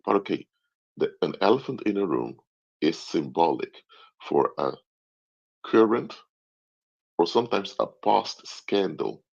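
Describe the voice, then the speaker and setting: A man with a very deep, gravelly, darkish-toned voice hosts a casual live stream as an anthropologist, explaining ideas and frequently repeating or restarting phrases. He comes from Curaçao, was raised in the Netherlands, and has Papiamento and Dutch as first languages. The audio sounds dull and lo-fi.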